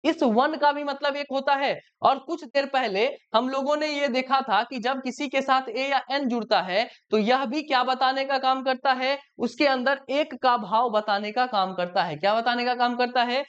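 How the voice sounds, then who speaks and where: A woman's voice: sits high, moderate pace, few pauses, smooth, highs cut off. A woman teacher giving a grammar lesson to children, asking questions and then answering them herself.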